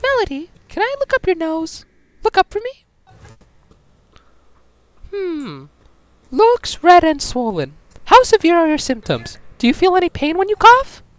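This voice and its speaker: A woman voicing a brisk, upbeat family doctor in a homemade animated drama, explaining in a bright, sing-song way. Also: very high voice, voice pushed up, exaggerated voice. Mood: cheerful. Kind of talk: amateur machinima voice acting.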